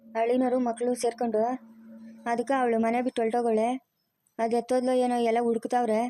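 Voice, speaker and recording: A woman's voice: on the high side, little pitch movement, quick pace, mellow, no room sound, clean studio sound. A woman with a rural Chikkaballapur Kannada accent, playing a neighbor spreading gossip.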